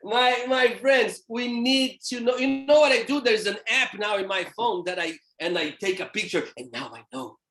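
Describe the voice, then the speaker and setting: A man from Brazil with a Brazilian Portuguese accent, giving an animated, playful church lecture as a theologian. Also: sits high, normal speed, few pauses. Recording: echoey church hall.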